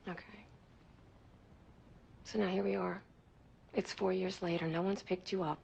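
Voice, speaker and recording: A woman's voice: medium pitch, fairly even intonation, unhurried, gravelly, a little mellow, slightly rough, exaggerated voice. An actress playing a hurt woman confronting a former lover, pressing hard and often slipping into a whisper. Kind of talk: TV crime drama acting.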